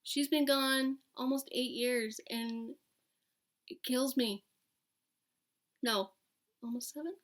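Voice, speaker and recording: A woman in her late thirties chatting casually and candidly to camera, rambling and emphatic, with a raspy voice like a longtime smoker's. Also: high-pitched, slow pace, pauses often. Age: late thirties, almost forty. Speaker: vlogger talking to camera.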